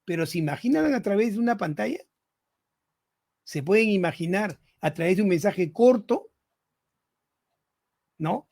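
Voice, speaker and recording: A man's voice: high-pitched, expressive, unhurried, vocal fry, pauses often, a little mellow. A man in his sixties, a physician giving a lecture-style podcast talk, often turning to his listeners with rhetorical questions. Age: 60s. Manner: rhetorical, keeps asking listeners "¿no?".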